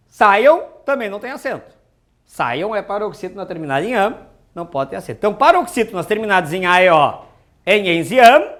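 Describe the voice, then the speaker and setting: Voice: medium pitch, a bit bright. A teacher giving an exam-prep grammar lesson, chatty and full of joking asides and rhetorical questions.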